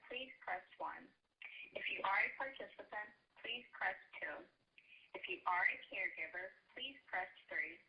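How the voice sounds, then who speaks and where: A woman's voice on a recorded phone menu message, reading options slowly and evenly over a phone line. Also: medium pitch. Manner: slow, even announcer delivery. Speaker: automated phone system voice. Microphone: heard through a phone line. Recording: muffled telephone line.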